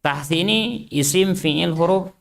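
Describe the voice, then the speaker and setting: An Indonesian religious teacher leads an Islamic study class in a somewhat high, unhurried voice with vocal fry. He reads Arabic text aloud, translates and explains it, then drills his students with short questions.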